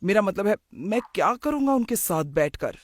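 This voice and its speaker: A performer voicing a young man in an animated moral story who drops English slang and sounds casual and dismissive. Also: medium pitch, moderate pace, no room sound. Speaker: son.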